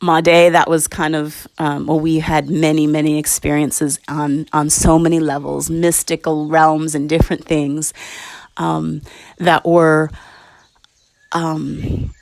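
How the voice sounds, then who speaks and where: A woman with a lowish voice tells a spiritual story in a casual, meandering way, circling back with fillers and restarts. The sound is dry and close, with no room sound. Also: level tone, slow, vocal fry, darkish tone, dry recording. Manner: rambling, reflective, many fillers and restarts. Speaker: spiritual talk show host.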